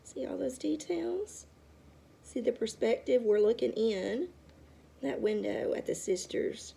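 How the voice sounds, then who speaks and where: Woman reading a picture book aloud to a kid, lively voice, chatty asides. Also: on the high side, unhurried, vocal fry, a little hiss or hum. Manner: chatty asides, asks the child questions. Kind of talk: casual storytime read-aloud.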